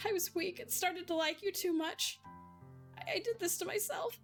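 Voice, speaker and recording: A woman voicing a cheerful yet heartbroken teenage girl, speaking high and tearfully while reading a visual novel aloud. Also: normal speed, faint music behind. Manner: high, wavering, tearful pleading.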